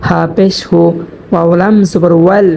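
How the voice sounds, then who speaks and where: A woman teaching Quran recitation, spelling out each letter and vowel mark deliberately and chanting verses in long, drawn-out tones. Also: fairly low pitch, steady tone, vocal fry, warm tone, a little hiss or hum.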